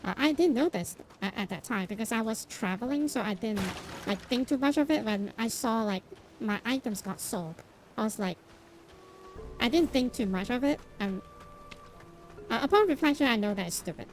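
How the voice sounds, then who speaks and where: Chatting with her stream audience during a game, this non-native English-speaking woman rambles, restarts and fills gaps, sometimes laughing at her own expense. Her fairly high voice has lively intonation at a normal pace, with faint music behind and poor audio.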